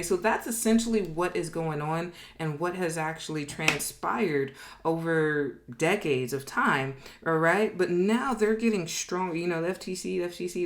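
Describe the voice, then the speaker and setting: A business educator with a low-pitched female voice gives an informal lesson at a board. She's conversational and emphatic, often checking in with "okay?" and "right?"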